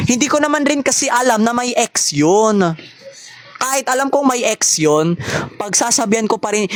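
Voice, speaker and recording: A gamer chats casually while playing online with others, in a mid-range voice with no echo. The tone is playful and mock-serious, with English phrases mixed in.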